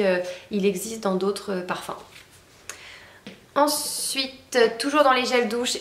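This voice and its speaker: A young woman talks casually in a friendly review chat, pausing often with hesitations and little fillers. Her pitch sits in an ordinary middle range. The sound has a noticeable roomy echo. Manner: chatty, with frequent hesitations and fillers. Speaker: beauty vlogger.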